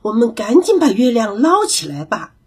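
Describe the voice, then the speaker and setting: A woman voicing an old male monkey elder in a children's story, speaking slowly and soothingly. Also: on the high side, sing-song, a little mellow, breathy edge, exaggerated voice. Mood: urging.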